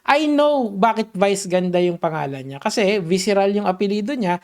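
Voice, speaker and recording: A woman's voice: medium pitch, expressive, moderate pace, a little mellow. A woman doing reaction commentary, mocking and switching between Tagalog and English. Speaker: commentary vlogger.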